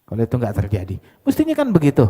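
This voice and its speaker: A male preacher giving a lively sermon, acting out mocking voices and sometimes shouting. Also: mid-range voice, very fast, breathy edge, long reverb tail. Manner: animated, acts out mocking voices, shouts at times.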